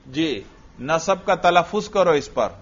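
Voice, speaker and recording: A man's voice: fairly high pitch, animated. A man teaching an Arabic grammar lesson, questioning a student and repeating the answers. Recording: dull lo-fi audio.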